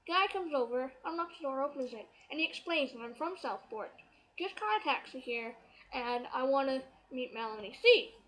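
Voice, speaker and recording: Chatty woman vlogging, high voice, gets all excited retelling stuff. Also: moderate pace, low-quality recording. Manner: excitable, chatty, quotes others as she retells. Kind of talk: casual storytelling to camera.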